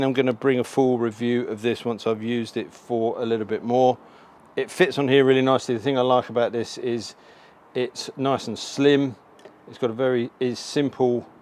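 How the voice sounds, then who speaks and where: A man's voice: medium pitch, darkish tone. A middle-aged man casually talking through motorcycle gear as a vlogger, in an informal walkthrough to camera. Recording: clearly audible ambient background noise.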